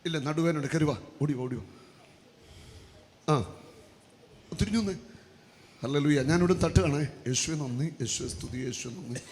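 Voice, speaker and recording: This fairly high-voiced man has a darkish tone, speaks at normal speed, and leaves long pauses as he leads a charismatic healing service from the altar of a church retreat hall. He issues commands and chants prayer lines over and over. Faint noise and echo fill the hall.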